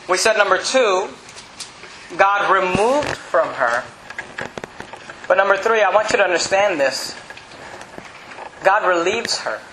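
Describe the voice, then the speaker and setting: A man's voice: high voice, lively intonation, takes it slowly, pauses often. A man preaching a sermon as pastor, earnestly addressing the congregation and reading scripture aloud. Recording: echoey room, faint ambient noise.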